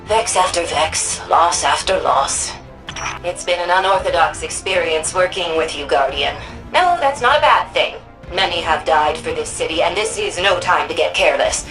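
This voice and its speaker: An older woman played by an actress runs a futuristic city as its administrator in a sci-fi video game. Her voice sits fairly low, and she speaks with crisp authority and dry wit, like an official giving mission orders. Music plays behind her words. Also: moderate pace, lightly acted, poor audio. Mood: weary, reflective. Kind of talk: scripted mission briefing dialogue.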